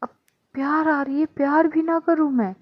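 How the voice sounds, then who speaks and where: A woman voicing a tipsy, clingy young woman who whines and pleads loudly. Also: a little high, steady tone, a little slow, dry recording, lo-fi sound. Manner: whiny, pleading, loud.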